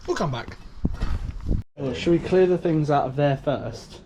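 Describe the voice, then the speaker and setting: Jokey lad, a touch high, on-camera vlog host; noisy location sound. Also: male voice. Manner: jokey, laughing, quick banter. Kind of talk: casual chat while shopping and working on a car.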